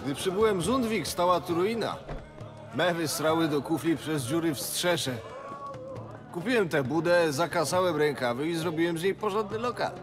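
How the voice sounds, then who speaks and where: An actor playing a hearty, talkative middle-aged innkeeper in a fantasy game, earthy and folksy. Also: male voice, a little high, moderate pace, over music, lightly acted. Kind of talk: fantasy video game voice acting.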